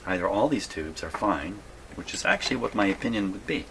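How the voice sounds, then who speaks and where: Working in his home radio workshop, a man talks through a hands-on electronics repair for his video, thinking aloud and muttering to himself in a casual way. His pitch is fairly low, his intonation lively, and his tone sharp as he speaks fairly quickly. Background noise is present but the audio is clear.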